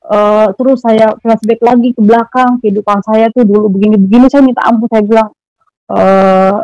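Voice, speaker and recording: A woman's voice: a little high, fairly even intonation, normal speed, a little mellow, smooth, dry recording. Woman, Jakarta Betawi accent, hesitant, lots of fillers, muffled dull audio, dry close sound. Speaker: testimony guest. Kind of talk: personal testimony interview.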